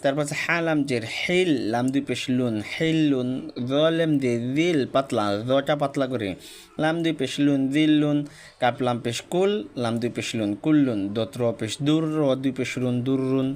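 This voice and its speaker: A male teacher slowly leading a Quran reading drill, naming each letter and vowel mark and then joining them into syllables with patient step-by-step explanations. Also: medium pitch, darkish tone, slight background noise. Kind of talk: slow, repetitive recitation drill.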